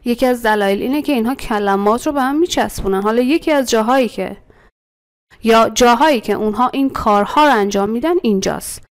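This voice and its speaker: Lively woman teacher with gravelly voice. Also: on the high side. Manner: animated, slows to model English phrases, repeats them. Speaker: English teacher. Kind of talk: language lesson explaining a textbook.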